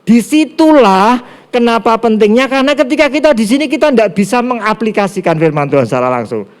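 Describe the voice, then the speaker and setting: A middle-aged man with a Javanese accent preaching a sermon, lively, with quiet asides. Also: extremely high pitch, brisk. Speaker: pastor. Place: church service streamed online.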